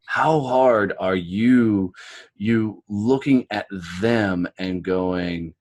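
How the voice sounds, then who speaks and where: An American man telling his story as a podcast guest, blunt and animated, swearing freely. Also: fairly low pitch, drawn-out words. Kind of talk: candid interview storytelling.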